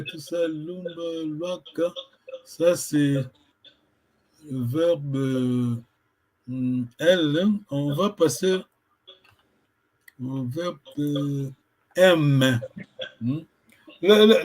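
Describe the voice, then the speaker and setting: Guy teaching a language class, kinda high voice, slow and patient, says words over and over. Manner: patient, repeats words slowly for the learner. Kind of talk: language lesson.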